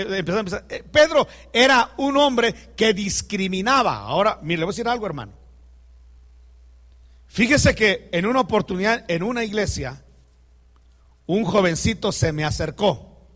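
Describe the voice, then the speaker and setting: A man's voice: sits high, a bit bright, long reverb tail. A man preaching a sermon who speaks straight to the congregation and tells stories with quoted dialogue.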